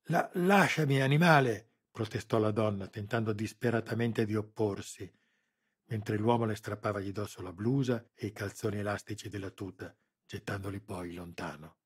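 A man narrating an audiobook in a steady, measured reading. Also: lowish voice, husky. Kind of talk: scripted narration.

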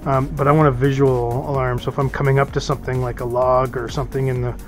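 A man's voice: medium pitch, little pitch movement, fast talker, soft background music. Rambling man unboxing gear on camera. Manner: rambling, thinks aloud with many fillers. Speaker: boating vlogger. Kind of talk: casual unboxing talk. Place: small office. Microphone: head-mounted camera.

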